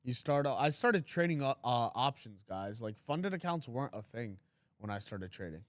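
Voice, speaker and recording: A man's voice: medium pitch, expressive, normal speed, dry recording. A man in his twenties hosting a trading livestream, talking casually and bluntly, teasing his chat and reading comments aloud. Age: 20s.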